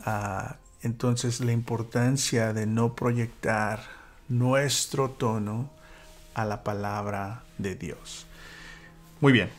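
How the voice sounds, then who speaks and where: A man's voice: on the low side, fairly even intonation, very slow. Man teaching a church Bible study. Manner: reflective, with many fillers and soft whispered asides. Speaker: small-group Bible study leader.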